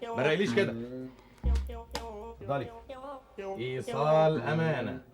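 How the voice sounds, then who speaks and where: A man's voice: a little high, big pitch swings, a little slow, music in the background. A young man playing a cocky, cheeky thief in an Egyptian stage comedy, speaking Egyptian Arabic. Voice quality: cheeky, teasing.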